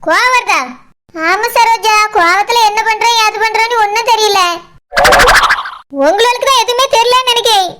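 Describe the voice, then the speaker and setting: A woman voicing a hot-tempered, sharp-tongued village house owner in a cartoon, with a Kanyakumari Tamil accent and quick, indignant retorts. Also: extremely high pitch, fairly even intonation, noisy background.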